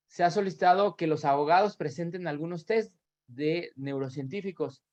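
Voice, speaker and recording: A man with a Mexican accent giving an academic lecture over videoconference, explaining at length with tag questions and self-corrections. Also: fairly high pitch. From Aguascalientes, Mexico. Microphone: video call. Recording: dull lo-fi video call audio.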